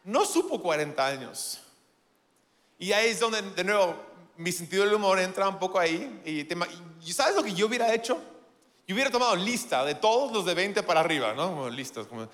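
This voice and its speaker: High-voiced playful male preacher. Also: fairly quick, long reverb tail. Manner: animated, playful, self-deprecating humor. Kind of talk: sermon.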